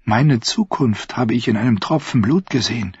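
A man's voice: medium pitch, normal speed, darkish tone, husky, no room sound, pitched above the performer's own voice. A man reading an audiobook voices a proud, furious queen who gives imperious, cutting commands. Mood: frantic. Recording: dull lo-fi recording.

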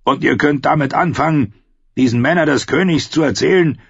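A rough, blunt commander, played by a man, barks gruffly in a voice raised a little above the narrator's own. His tone is husky and forceful. The recording is slightly dull. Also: fairly high pitch, a little fast, no echo, voice pushed up, heavily acted.

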